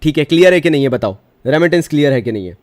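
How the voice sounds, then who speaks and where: A friendly young man teaches a live online commerce class in a fairly high, slightly mellow voice, racing along with lively intonation. Mixing Hindi with English phrases, he reassuringly answers students' chat comments and calls them "brother" and "dear."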